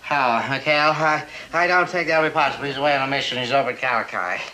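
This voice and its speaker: A man's voice: mid-range voice, fast, sharp tone, lightly acted. Man playing a blustering, flustered American navy captain. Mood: flustered boasting. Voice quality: stammering when flustered. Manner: pompous, fussy, snappish. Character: blustering, self-important, easily flustered male navy captain. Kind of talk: 1960s TV sitcom acting. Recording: noisy old television soundtrack.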